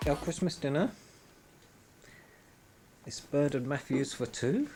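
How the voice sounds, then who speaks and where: A man's voice: on the high side, sing-song, takes it slowly, vocal fry, over loud music, rough recording. A man filming at home, giving jokey, teasing commentary in his kitchen, heard on an old camcorder tape. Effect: old camcorder tape sound. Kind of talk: casual home-video commentary. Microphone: built-in camcorder mic.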